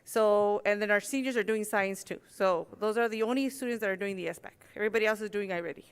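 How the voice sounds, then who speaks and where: A woman's voice: mid-range voice, fast talker, clear, resonant tone. A woman speaking as a school district official, giving a formal clarification at a public meeting. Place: large indoor board meeting room. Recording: echoey meeting hall.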